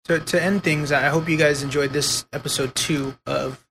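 A man co-hosting a casual podcast, easygoing and quick to laugh, rambling a little as he talks. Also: fairly high pitch, steady tone, creaky, a bit bright, a little hiss or hum. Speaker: podcast co-host.

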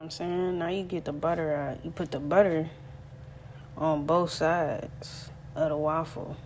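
A woman's voice: deep voice, fairly even intonation, unhurried, slight background noise. A young woman chatting casually in a home kitchen, laid-back and slangy, rambling as she cooks. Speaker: vlogger. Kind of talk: casual chat while cooking.

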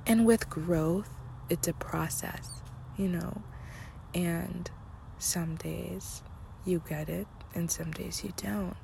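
A woman's voice: lowish voice, fairly even intonation, slow, creaky, a little hiss or hum. A young adult woman speaking earnestly and reflectively in a candid personal monologue, using lots of "like" fillers and at times dropping almost to a whisper. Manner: earnest, reflective, with frequent "like" fillers and soft, near-whispered passages.

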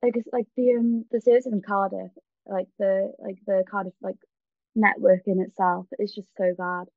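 Creaky-voiced Welsh woman, dry recording. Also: medium pitch, flat delivery, moderate pace, no echo, phone-quality sound. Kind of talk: casual chat.

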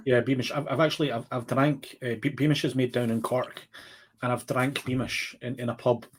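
A man's voice: medium pitch, steady tone, fairly quick, a little hiss or hum. A Scottish man co-hosting a casual chat, speaking bluntly and repeating words for emphasis. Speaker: podcast co-host.

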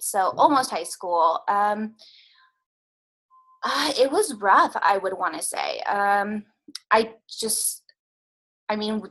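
A woman's voice: medium pitch, sharp tone, poor audio. Thirty-year-old woman, hesitant and reflective. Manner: hesitant, many ums, open and reflective. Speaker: interviewee. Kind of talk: casual conversation.

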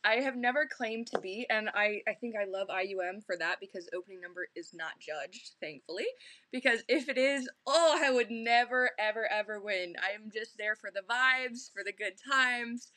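A woman's voice: mid-range voice, moderate pace, bright, forceful tone, no echo. A young adult woman, a pageant titleholder, chatting earnestly as a podcast guest, full of little fillers. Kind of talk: casual podcast chat.

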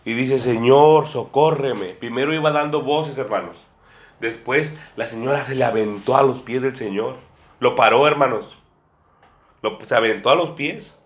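A man's voice: medium pitch, normal speed, a bit bright. Echoey preacher man, repeating himself. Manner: repeats phrases and keeps addressing listeners as brother and sister. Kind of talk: sermon. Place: church room with a table and a small congregation. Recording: echoey room.

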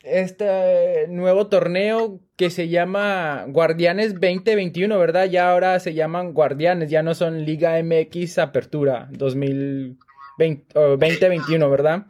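A man, co-hosting a casual soccer chat podcast in a relaxed, chatty way with lots of fillers. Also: fairly high pitch, slow pace. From Monterrey, Mexico. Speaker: podcast co-host.

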